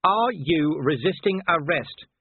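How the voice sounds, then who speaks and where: A man's voice: a little high, lively intonation, measured pace, slightly rough, no echo, voice pushed up, full character voice. A man voicing a dry, weary, tough male police commander in an audiobook reading, with a clipped sardonic delivery. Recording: tinny phone-like audio.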